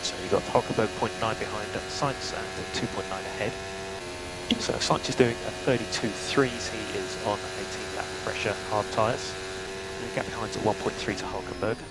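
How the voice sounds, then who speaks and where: A race engineer with a lowish, steady voice gives terse, procedural updates over team radio at normal speed, reporting calmly. The noisy radio feed is full of humming engine sound, with loud hum and vehicle noise behind him.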